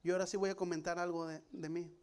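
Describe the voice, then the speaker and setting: A man's voice: sits high, little pitch movement, clean tone. A middle-aged man, a pastor giving a confessional testimony sermon, full of fillers, restarts and appeals to his brothers. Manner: halting, with many fillers and restarts; confessional, addresses listeners as brothers.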